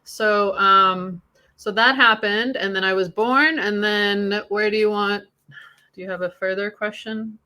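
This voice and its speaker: Woman in her 40s from Iran, bright clear voice, candid chatty podcast host. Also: medium pitch, fairly even intonation, a little slow. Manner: chatty, swears freely, laughs through dark memories. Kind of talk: candid casual conversation.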